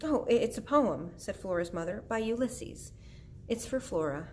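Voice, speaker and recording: A woman's voice: medium pitch, expressive, normal speed, a little hiss or hum, close to an everyday voice. A woman reading the part of an anxious, tearful mother in a storybook, her voice raised and pleading. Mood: flustered. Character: distraught anxious mother, middle-aged woman.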